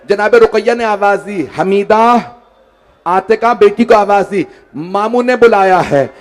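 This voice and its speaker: A male cleric reciting a Muharram mourning sermon, telling a tragic story dramatically and pleading with his audience, his voice rising to wailing shouts at the climaxes. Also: high voice. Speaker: Shia cleric reciting majlis.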